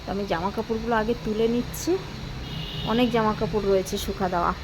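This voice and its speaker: A woman's voice: quick pace, noisy background. A woman narrating her household chores in a casual home vlog, chatting to viewers. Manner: chatty, talks to her toddler in a high sing-song baby voice. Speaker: vlogger.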